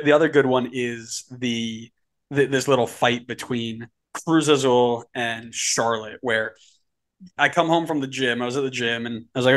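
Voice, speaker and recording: A man co-hosting a casual soccer podcast, with a mid-range voice. He tells stories with animated energy, and his voice climbs as the excitement builds. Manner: animated storytelling, climbing pitch when excited. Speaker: podcast co-host.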